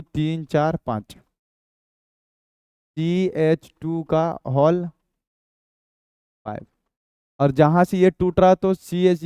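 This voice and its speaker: A man teaches chemistry in a coaxing, repetitive way, asking questions and answering them himself. His voice is a little high, mellow and smooth, and it sounds dry and close. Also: dry recording. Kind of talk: exam-prep lecture.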